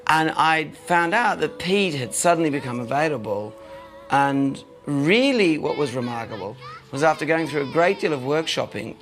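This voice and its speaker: A male film director recounting a production story in a lively, anecdotal way. Faint music sits under his voice. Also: medium pitch. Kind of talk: documentary interview.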